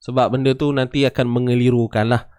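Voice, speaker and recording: A man's voice: mid-range voice, level tone, quick pace, darkish tone, smooth. Malaysian Malay man teaching tajwid. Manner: chatty, checks understanding often. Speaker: Quran recitation teacher. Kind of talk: casual tajwid lesson with recited examples.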